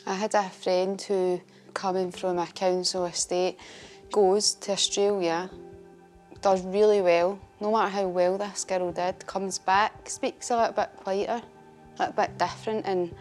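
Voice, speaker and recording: A woman's voice: mid-range voice, steady tone, unhurried, soft background music. A woman with a broad Scottish accent from Glasgow, chatting casually in an earnest, colloquial way. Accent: broad Glaswegian Scottish. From Glasgow, Scotland. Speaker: elocution student. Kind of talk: casual chat.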